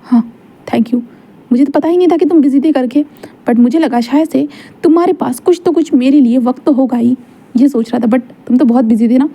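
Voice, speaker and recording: A woman voicing a sulking young man who scolds his lover with sarcastic, sharp remarks. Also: high-pitched, brisk. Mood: scolding.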